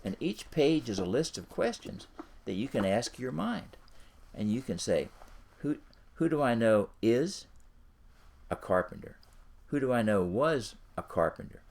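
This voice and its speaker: A ministry and business coach gives an informal instructional talk, addressing the listener directly and repeating his phrases. His voice is fairly low in pitch and creaky.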